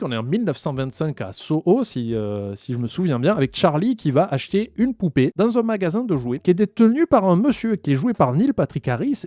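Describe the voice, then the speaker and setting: Man, casual TV review, rambling with fillers, fast talk, dry close sound. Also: fairly high pitch, mellow, no room sound. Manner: chatty, rambling, many fillers and restarts. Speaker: TV series reviewer.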